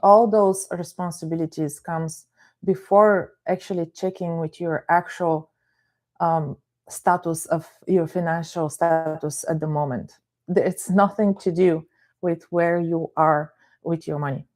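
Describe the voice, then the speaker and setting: In a live stream, a middle-aged Bulgarian woman working as a therapist and life coach explains her points calmly and greets viewers by name. Her pitch is fairly low, and she talks a bit slowly.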